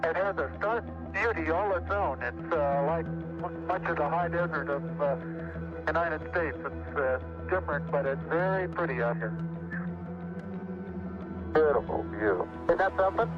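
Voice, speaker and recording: A man speaking as an astronaut over a crackly space radio transmission with beeps, halting and measured, with slow pauses. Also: on the high side, music in the background. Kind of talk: live mission radio exchange. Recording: muffled archival space radio.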